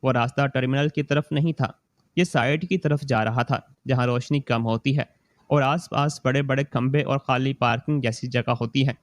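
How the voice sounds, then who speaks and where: A man reading a scripted moral story in the first person, slow and steady. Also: medium pitch, no room sound.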